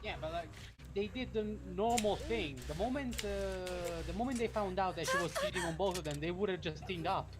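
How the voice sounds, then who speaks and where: A man chatting casually with a friend, rambling and halting with lots of filler words. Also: high voice, very noisy. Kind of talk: casual chat.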